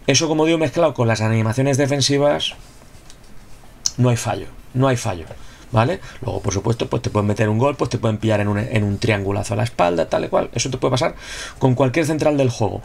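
A man with a gravelly, slightly creaky voice at an ordinary pitch talks through a football game card review. He keeps it casual and chatty, circles back to his points and tosses in rhetorical questions. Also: fairly quick, a little mellow, slight background noise. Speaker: gaming YouTuber reviewing a player card. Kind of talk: casual video review commentary.

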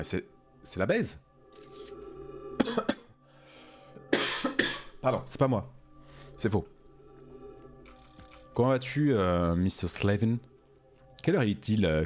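A man comments on his game as he streams it. He is playful and jokey, and breaks into loud exclamations. His voice sits low but leaps around with lively swings, over faint background music. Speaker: streamer playing a video game. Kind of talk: let's play commentary.

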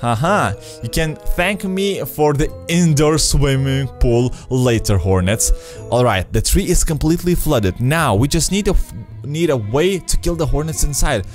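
A man's voice: on the high side, lively intonation, measured pace. A man in his twenties doing casual let's play commentary on a video game, speaking close to a desk microphone in a small room. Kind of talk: casual gameplay commentary, reading game dialogue aloud. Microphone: close desk microphone with headset. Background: game music.

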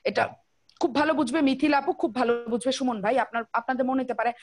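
Young female trainer, fast colloquial delivery, slightly high voice, on a video call. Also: fairly even intonation, music in the background. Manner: chatty, colloquial, rapid, addresses students directly. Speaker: online class trainer. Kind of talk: casual online class lecture.

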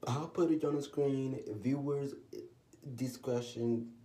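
A teenage boy talks casually and rambles to the camera at home in a small room, stuttering into restarts and filler words. His male voice is medium-pitched, steady, slow and warm. Because the camera sits low below his face, he's recorded from a distance, off-mic, with a roomy echo.

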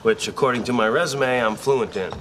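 A man's voice: medium pitch, a little fast, close to an everyday voice. An actor playing a dim but sweet young man in a sitcom, clueless and earnest as he fumbles his lines. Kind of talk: sitcom acting. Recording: loud noisy TV clip.

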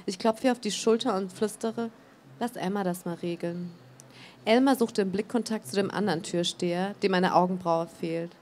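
A woman author reading aloud from her own novel in a calm, measured, even way on a book fair stage. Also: mid-range voice, slight background noise.

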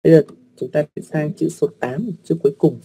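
A man's voice: on the high side, normal speed, gravelly, mellow, husky. A man teaching an online lesson on writing rules, speaking patiently with polite particles, frequent fillers and repeated words.

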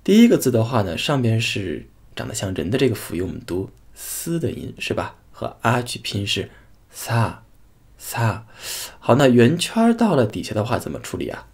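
A man teaching a pronunciation lesson, saying each sound twice in slow, drawn-out demonstrations. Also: medium pitch, huge pitch swings, darkish tone, husky. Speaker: language teacher.

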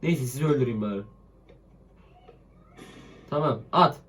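A man's voice: medium pitch, unhurried, a bit bright. A young man with a sick, strained voice, giving casual commentary over a mobile game and swearing playfully at it.

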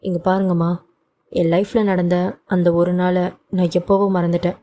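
A woman's voice: lowish voice, level tone, moderate pace, warm tone, pitched below the performer's own voice, close to an everyday voice. A woman voicing a young adult son who brushes off his troubles and coaxes his mother. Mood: coaxing. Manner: coaxing, brushing things off. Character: young adult man, cheerful son hiding his hurt.

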